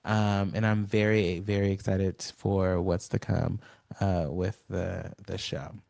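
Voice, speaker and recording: A man hosting his own podcast alone, rambling with many fillers and long pauses, sounding tired, recorded on a phone. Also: deep voice, little pitch movement, vocal fry, darkish tone. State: tired, yawning. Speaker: podcast host. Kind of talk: solo podcast monologue.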